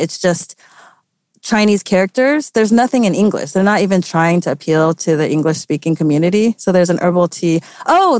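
A woman's voice: medium pitch, darkish tone, no room sound, studio quality. A young American woman journalist answering interview questions in a chatty, casual way, full of filler words and light laughs. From United States. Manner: chatty, lots of "like" and "you know", light laughs. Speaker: journalist guest.

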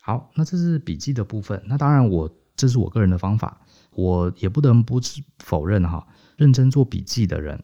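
A man's voice: lowish voice, animated, fairly quick, warm tone. A man, co-hosting a podcast, explaining his methods step by step in a casual way, often tagging sentences with little checks like "hao". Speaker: podcast co-host. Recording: dull lo-fi podcast audio.

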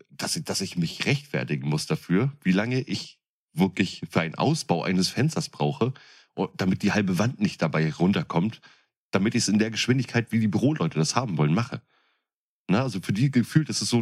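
Chatting casually as a podcast co-host, a man in his thirties talks bluntly and colloquially. His voice is on the low side, expressive, and fairly quick.

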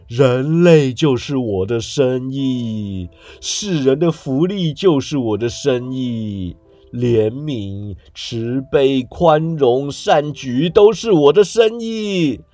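A man voicing a grieving, chained male ghost who speaks slowly and heavily in a storybook reading. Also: mid-range voice, lively intonation, mellow, no echo, faint music behind. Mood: lamenting. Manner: slow, drawn-out, heavy delivery.

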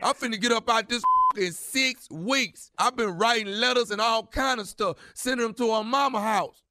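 A man doing an insistent inmate on a prank call, talking in a way, stammering and repeating himself. He begs and keeps saying wait. The voice comes across bright, tight and dry. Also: extremely high pitch, moderate pace, dry recording. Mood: indignant. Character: male inmate about to leave jail, insistent. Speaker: radio prank caller.

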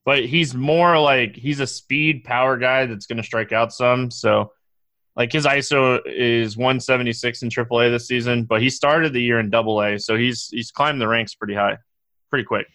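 A man co-hosting a casual sports podcast, talking in a halting way with many fillers and restarts. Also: medium pitch, sharp tone, no room sound. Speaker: co-host.

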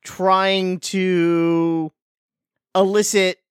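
A man's voice: high-pitched, level tone, very slow, clean tone, no room sound, clean studio sound. A man co-hosting a podcast in casual chat, talking in a chatty, hesitant way with many restarts. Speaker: podcast co-host.

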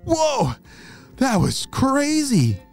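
A man voicing an excited young boy spy who bursts out eager exclamations in a children's story. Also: high voice, a little slow, vocal fry, husky, faint music behind, pitched above the performer's own voice, full character voice.

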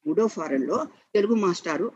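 A man narrating a story slowly and with feeling, in a muffled lo-fi recording. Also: high voice, lively intonation, a little hiss or hum. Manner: slow and measured, with emotional emphasis.

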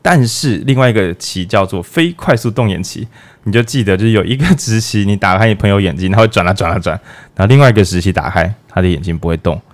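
A man talks through ideas as a podcast host, his voice sitting a little low. He keeps it casual and playful, tossing in jokes and quick acted-out asides. His pitch lifts sharply whenever he poses a question. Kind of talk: casual explanatory podcast talk.

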